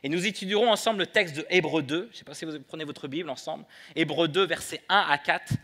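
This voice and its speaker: A man preaching a sermon in church, moving between soft prayer and light humor. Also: a little high, fast talker. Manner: prays softly then preaches with humor. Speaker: pastor.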